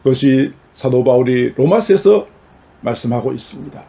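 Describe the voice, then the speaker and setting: A man's voice: mid-range voice, animated, normal speed, vocal fry, warm tone. A male pastor giving a sermon and telling illustrative stories in an earnest manner, with emphatic rises in his voice.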